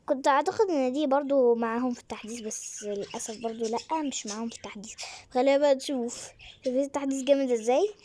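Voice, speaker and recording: Egyptian woman gaming host, quick chatty delivery, a bit high, excitable. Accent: Egyptian Arabic. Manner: chatty, excitable, with many fillers. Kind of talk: casual gameplay commentary.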